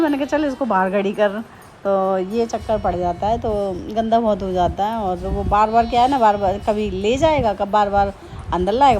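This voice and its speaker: A woman in her thirties, a homemaker, chatting casually in a daily home vlog, rambling with many fillers and restarts. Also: medium pitch. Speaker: vlogger, homemaker. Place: home during heavy rain. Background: faint rain and ambience.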